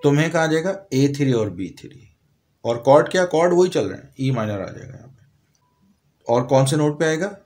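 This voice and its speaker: A man with a Pakistani Urdu accent, calmly explaining a piano lesson step by step, sometimes singing short lyric lines slowly. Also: mid-range voice. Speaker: music teacher. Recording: piano playing behind voice.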